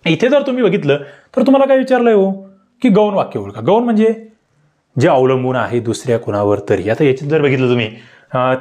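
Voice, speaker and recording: A man tutoring for government job exams, explaining grammar questions to viewers with rhetorical questions and sharp upward leaps in pitch on key words. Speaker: exam-prep tutor. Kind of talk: online grammar lesson.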